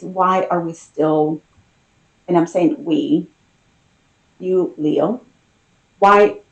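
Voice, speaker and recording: A tarot reader talking in an intimate, conversational style, musing in short phrases with pauses between them. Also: mid-range voice, warm tone, rough recording.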